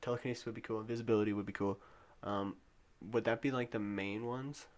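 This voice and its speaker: A man's voice: lowish voice, fairly even intonation, quick pace. A young man co-hosting a casual podcast chat, rambling and filling his speech with "like", his nose stuffed up from a cold. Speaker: podcast co-host.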